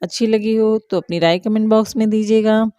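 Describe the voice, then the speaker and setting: A woman tells a short story in a calm, even way. Her voice is warm and mellow. The recording is dry, with no room sound. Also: on the high side, fairly quick, clean tone, dry recording. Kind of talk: scripted story narration.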